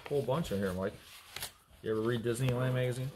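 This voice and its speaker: A man's voice: mid-range voice, fast talker, noisy background. A man in his thirties, an auctioneer, chatting casually as he goes through old items, reading labels aloud and teasing his crew. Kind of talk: casual unboxing commentary. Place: indoor storage area with block walls.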